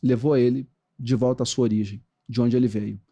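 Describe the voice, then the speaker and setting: A Brazilian man, a pastor who once played football, talking in a podcast interview with an animated preaching cadence. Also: mid-range voice, a little fast.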